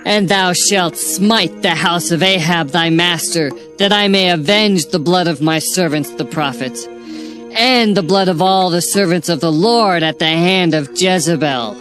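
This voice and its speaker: A man's voice: sits high, measured pace, voice pushed up. A man voicing a solemn young prophet. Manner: solemn, proclaiming. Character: young male prophet delivering a solemn divine oracle. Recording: loud music underneath.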